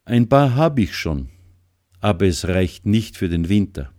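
A man voicing an excitable little male squirrel in a storybook reading, with a chirpy, eager manner. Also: low-pitched, unhurried. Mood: breathless.

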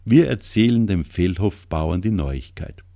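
A man voicing an anxious, quick-thinking young male character in a storybook, calling out in urgent, excited bursts. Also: low-pitched. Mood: eager.

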